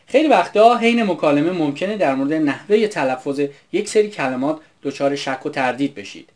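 A man's voice: a little high, lively intonation, a little mellow. A man from Iran narrating an English pronunciation lesson in a scripted, explanatory, upbeat way. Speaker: English teacher.

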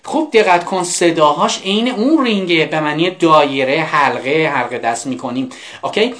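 An adult English teacher leading a live vocabulary class in Persian, saying English phrases slowly and repeating them, with quick asides to the students in between. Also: mid-range voice, expressive, fairly bright tone.

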